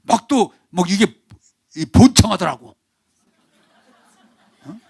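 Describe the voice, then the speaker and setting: An older male pastor preaches with a lively, animated delivery, sometimes acting out pleading voices and leading the congregation in call-and-repeat. His voice sits high for a man. The sound is dry, with little room echo. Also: slow, creaky, breathy edge. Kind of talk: sermon.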